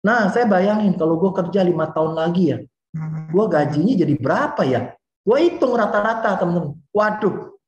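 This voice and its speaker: Man in his forties, motivational speaker, fairly high voice, lively and chatty, muffled echoey room. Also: moderate pace. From Indonesia. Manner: lively and chatty, often addresses the listeners directly. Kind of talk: motivational talk to an audience.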